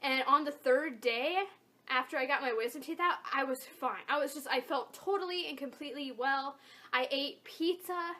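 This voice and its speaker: A woman's voice: sits high, normal speed, sharp tone. A young adult woman telling a personal story in a casual, chatty, informal way, as a vlogger talking to her viewers. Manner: chatty, informal, emphatic with frequent "like" and "totally".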